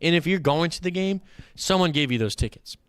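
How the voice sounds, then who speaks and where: Man, fantasy football host, chatty, animated, smooth clear voice, casual stream talk. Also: fairly high pitch, fairly quick. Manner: chatty, animated, rambling with playful asides. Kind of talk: casual livestream commentary.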